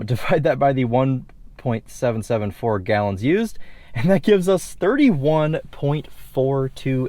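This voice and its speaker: A man in his twenties hosting a casual car review, upbeat and chatty, talking from inside a car on the highway. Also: darkish tone, no room sound. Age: 20s. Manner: upbeat, enthusiastic, chatty with fillers. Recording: clear road noise behind. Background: road and car noise.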